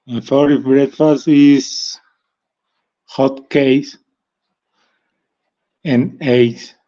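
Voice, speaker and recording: A man with a Mexican Spanish accent answers in halting beginner English, keeping his replies short. He speaks very slowly, pausing between words. His voice comes through dull and lo-fi, like cheap video-call audio. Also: medium pitch, steady tone, warm tone. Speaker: student.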